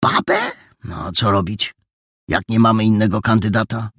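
A soft-hearted, hesitant boy, as a man puts him on in a storybook reading, his pitch lifted well above the narrator's. His speech wavers between earnest and hushed, with a breathy, husky grain and dry, close sound. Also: lively intonation, normal speed, dry recording, exaggerated voice. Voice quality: hesitant, half-whispered at times.

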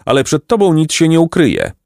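A man's voice: fairly high pitch, wildly swooping pitch, brisk, gravelly, a little mellow, dry recording, studio quality, voice pushed up, heavily acted. A man doing sly rascal boy Jacek. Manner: sly and cheeky. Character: sly lazy peasant boy, a cheeky rascal.

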